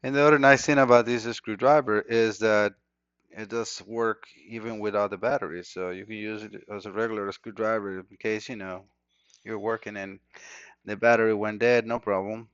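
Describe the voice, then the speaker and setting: A Costa Rican man, a native Spanish speaker with a Costa Rican accent, mutters informally to himself while working through an electronics repair at an indoor workbench. His voice is fairly low, steady, clear and resonant, with a fairly bright tone and normal speed, and there's no room sound. It was captured on an action camera mic, so the audio is dull and lo-fi.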